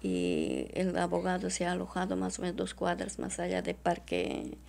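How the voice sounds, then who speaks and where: A middle-aged woman, giving distressed, halting testimony in an interview and repeatedly addressing the interviewer. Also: on the low side, very animated, creaky, a little mellow. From Peru. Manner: halting and repetitive, often addressing the interviewer as doctora. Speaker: witness.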